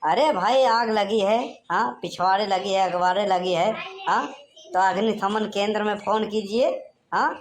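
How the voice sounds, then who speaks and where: Woman voicing a crafty village headman, Awadhi accent, bossy, lecturing, mid pitch, cartoon. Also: moderate pace, slight background noise, close to an everyday voice. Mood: scolding. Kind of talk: cartoon comedy voice acting.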